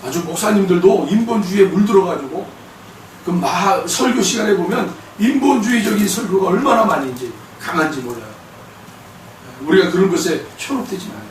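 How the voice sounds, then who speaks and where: A male pastor preaches with a high, lively voice that leaps up and down, punctuating his sermon with shouts and pointed questions. He stands well away from the mic in a ringing sanctuary, and a faint hum sits underneath. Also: a little fast. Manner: emphatic, with shouted bursts and rhetorical questions. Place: church sanctuary. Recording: echoey hall from a distant mic.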